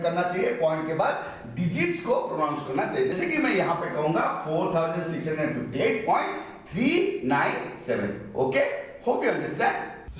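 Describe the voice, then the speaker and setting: A higher-pitched man teaching maths, his voice rising and falling a lot as he works through an example on the board. He keeps asking questions and then answers them himself. The sound is very echoey, and he stands some way back from the mic. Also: far from the mic. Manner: explains step by step, asks and answers his own questions. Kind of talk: classroom maths lesson at a board.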